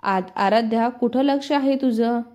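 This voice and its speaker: A woman voicing a calm, soft-spoken young man who is a bank officer and quietly in love. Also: fairly high pitch, unhurried, muffled recording, close to an everyday voice.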